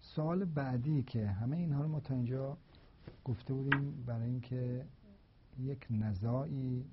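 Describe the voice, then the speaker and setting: A man delivers a philosophy lecture in a husky, slightly breathy voice. He works through each point slowly and deliberately, repeating examples to make them clear. The recording sounds dull and lo-fi. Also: mid-range voice.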